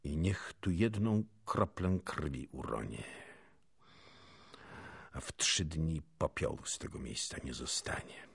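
A man voicing a steely proud envoy, deep firm voice, dry close sound. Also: sing-song, slow pace, gravelly, slightly rough, no room sound, heavily acted. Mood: commanding. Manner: firm, commanding. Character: steely young male envoy, fearless and proud. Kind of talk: audiobook character voice.

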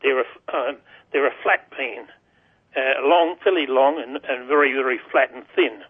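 A man's voice: medium pitch, normal speed, breathy edge. A man calling in to a radio show over a phone line, asking plainspoken, casual gardening questions. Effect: caller heard over a phone line. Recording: tinny telephone line.

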